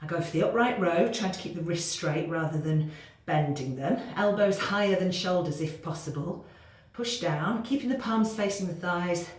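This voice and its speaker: Animated and lowish in pitch, this woman speaks at normal speed with few pauses. She's instructing a workout while exercising along, getting out of breath, in a very echoey room with a little noise.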